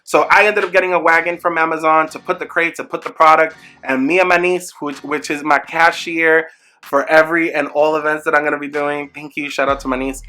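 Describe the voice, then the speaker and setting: A young man telling an animated, chatty storytime about his small business, talking straight to his viewers. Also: on the high side, fairly quick. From New York. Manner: animated, chatty, emphatic retelling with asides to viewers. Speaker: small business owner vlogging. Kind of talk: casual storytime vlog. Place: home room with product shelves.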